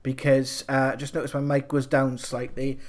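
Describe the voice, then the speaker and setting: A man with a South Wales accent co-hosting a live stream in casual chat, halting at times and repeating phrases for emphasis. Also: medium pitch, completely flat delivery.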